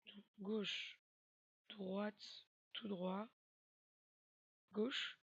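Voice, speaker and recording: A woman commenting on a horror game as she plays. She talks slowly, with a bright, husky tone and a lot of swearing. The mic is dry and a little dull. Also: medium pitch, level tone, no echo. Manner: swears a lot, panicky shouted reactions. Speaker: gamer playing a horror game. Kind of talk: let's play commentary.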